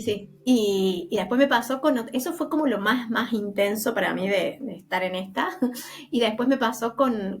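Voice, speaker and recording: A woman with an Argentine accent tells stories in a relaxed interview, with a voice that sits a little high. She talks animatedly, slips into the voices of the people she quotes, and laughs easily along the way. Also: a little hiss or hum. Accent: Argentine Spanish. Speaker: guest medium. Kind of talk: casual interview storytelling.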